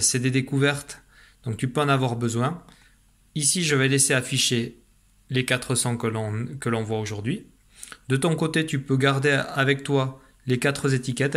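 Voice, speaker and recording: A man teaching a remote lesson to young children, patient and slow, repeating syllables for a dictation. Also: mid-range voice, a bit bright. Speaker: primary school teacher.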